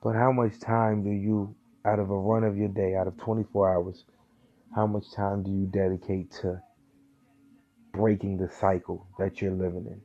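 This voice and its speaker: Man, motivational monologue, earnest and preachy, street slang, husky low voice, dull lo-fi sound. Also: level tone, moderate pace, dark tone. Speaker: host of a motivational talk. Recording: dull lo-fi recording with faint music.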